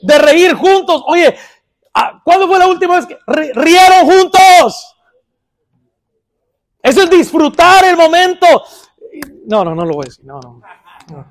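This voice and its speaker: A male pastor preaching a sermon, moving between loud, emphatic points and quiet, joking asides. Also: extremely high pitch, very animated, moderate pace, pauses often.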